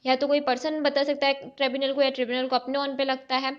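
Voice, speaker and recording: On a dull, lo-fi recording, a chartered accountancy tutor works through an exam-prep lecture step by step. Her high voice moves quickly with a level tone, and she poses questions, answers them, and frequently says "okay" to check in.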